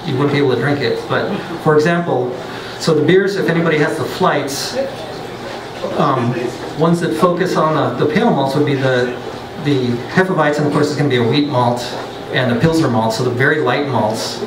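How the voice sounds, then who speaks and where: A man with a medium-pitched voice and normal pace, a brewer by trade, chats through a science talk for a pub audience, joking and restarting often. The sound is roomy and off-mic, with a noisy background.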